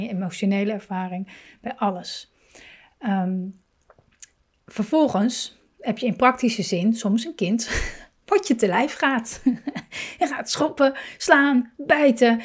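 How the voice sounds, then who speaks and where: A woman speaking gently as a parenting coach, with many fillers, restarts and soft laughs. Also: mid-range voice. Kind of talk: calm spoken advice.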